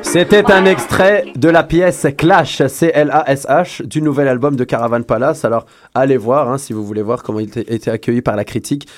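A man hosting a casual radio show, joking and teasing his co-hosts, often pausing on fillers as he talks. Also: mid-range voice, soft background music. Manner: playful, teasing, hesitant with fillers.

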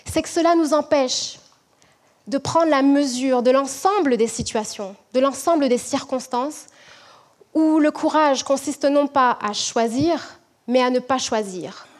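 A woman from French Guiana, a management professor, giving a measured, reflective prepared talk to an audience. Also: high voice.

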